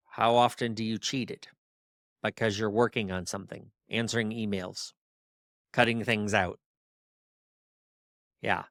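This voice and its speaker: A man's voice: medium pitch, fairly bright tone, no echo, studio quality. A middle-aged man hosting a podcast, coaching ministry leaders in a firm, exhorting drill-sergeant tone, firing off rhetorical questions. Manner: rapid-fire rhetorical questions. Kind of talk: podcast monologue.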